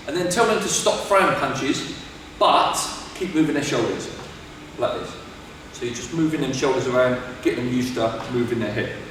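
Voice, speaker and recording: A man's voice: mid-range voice, slight background noise. A young man coaching boxing, explaining and demonstrating moves while counting through the drills. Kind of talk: instructional coaching demo. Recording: roomy hall echo from far off.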